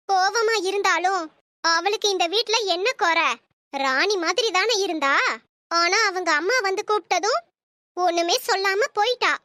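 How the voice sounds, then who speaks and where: A woman's voice: very high voice, pushed and bright, no room sound. A woman voicing a stern, manipulative middle-aged mother in a cartoon story, lecturing her son and pleading with put-on tears. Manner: scolding, lecturing, fake tearful pleading.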